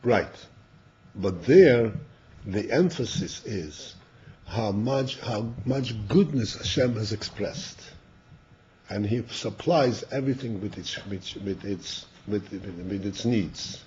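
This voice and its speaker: An older man, a rabbi, teaching a Chassidus class, who often repeats words and clears his throat. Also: lowish voice, lively intonation, slow pace, darkish tone, a little hiss or hum. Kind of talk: slow, halting Torah class. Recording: dull lo-fi class recording.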